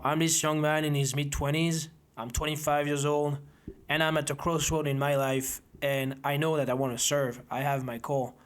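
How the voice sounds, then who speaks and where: A man, founder of a self-defense academy and former army officer, earnestly telling his own story to camera. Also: a little high. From Belgium. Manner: earnest, steady, measured delivery. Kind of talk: presenting to camera, personal story.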